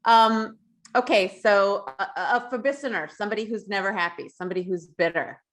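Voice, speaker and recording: A woman in her thirties co-hosting a live podcast, bubbly and quick to laugh. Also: medium pitch, a bit bright. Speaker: podcast co-host.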